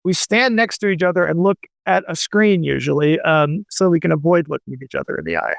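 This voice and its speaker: A man's voice: fairly high pitch, lively intonation, brisk, vocal fry, dry recording. A man in his forties, a novelist guest on a radio show, talking in a rambling way with many fillers and restarts. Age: 40s. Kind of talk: casual radio interview chat.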